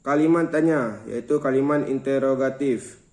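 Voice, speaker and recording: A man's voice: mid-range voice, moderate pace, a little mellow, reverberant, low-quality recording. A young man reading a grammar lesson aloud from notes, listing points by number and now and then stumbling and restarting a word.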